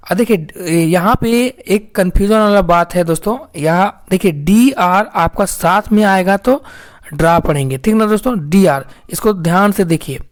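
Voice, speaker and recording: A woman with a mid-range voice teaches a phonics lesson. She keeps posing questions to her viewers and then answering them herself. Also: mid-range voice. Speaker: English teacher.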